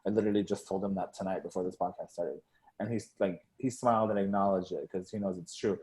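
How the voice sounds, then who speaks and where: A young man on a podcast mic, talking casually in a lowish voice. He rambles, stacks up "like" fillers and swears freely as he tells the story. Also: fairly even intonation, quick pace, warm tone. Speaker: podcast co-host.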